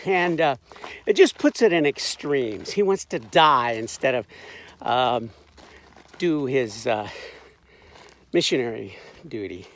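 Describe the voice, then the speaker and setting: A man's voice: medium pitch, expressive, takes it slowly, long pauses, fairly bright tone, no room sound. A man casually retelling a Bible story as a satire, irreverent and wry, with frequent asides and restarts. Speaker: informal Bible commentator.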